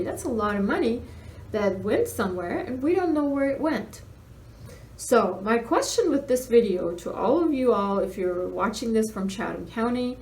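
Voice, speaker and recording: Woman, middle-aged, vacation rental host, casual vlog rant, animated quoting, echoey room. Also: on the high side. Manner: exasperated storytelling, animated quoting of others. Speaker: real estate investor and Airbnb host. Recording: echoey room with faint ambient noise.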